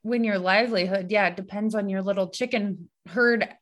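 A woman's voice: medium pitch, fairly even intonation, brisk. Thoughtful woman podcast host. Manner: hesitant, thoughtful, many ums and restarts. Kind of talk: casual podcast conversation.

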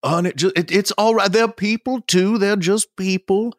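A man's voice: high-pitched, normal speed, no echo, studio quality, close to an everyday voice. A man playing a fussy, reproving parent with a stammering, placating manner, in improvised comedy. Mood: anxious, hushing.

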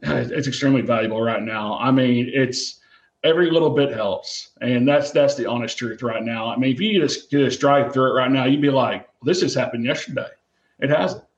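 A man's voice: mid-range voice, moderate pace. Plain-spoken American man, roomy dull recording. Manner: earnest, plain-spoken, folksy. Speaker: interview guest, television gold miner. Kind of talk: casual interview chat. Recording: roomy, dull lo-fi remote sound.

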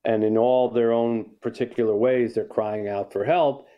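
A man's voice: medium pitch, fairly even intonation, moderate pace, clear, resonant tone, dull audio. An older man, an author guest in a conversational interview, telling a story and reflecting, often restarting his sentences.

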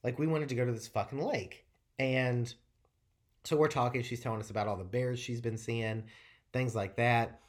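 A man's voice: medium pitch, moderate pace. A man from North Carolina, co-hosting a show and telling a story in casual chat, rambling and swearing freely with lots of fillers. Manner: rambling, profane, animated storytelling with many fillers.

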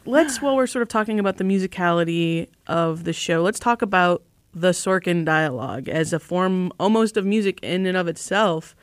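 A woman's voice: on the low side, moderate pace, dry recording. A woman asking questions as the interviewer in a casual conversation.

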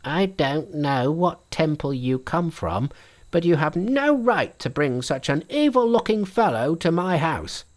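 A timid, very old farmer from a storybook, voiced by a man, speaking slowly with a wavering, muttering manner. His voice climbs a little above the reader's own and rises and falls in lively swings. He sounds wary and easily frightened. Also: on the high side, voice pushed up. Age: older. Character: timid ancient farmer, a hundred and thirty.

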